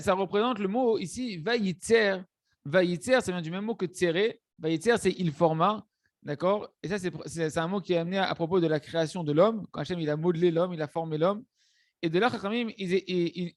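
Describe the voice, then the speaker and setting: A man a rather high voice teaches a religious text, checking in his listeners as he goes. He restarts phrases often and mixes in words. The recording is close and dry. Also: brisk, no room sound. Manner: hesitant restarts, frequent "hein" and "d'accord" checks. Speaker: Torah teacher. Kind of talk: religious lesson explaining a text.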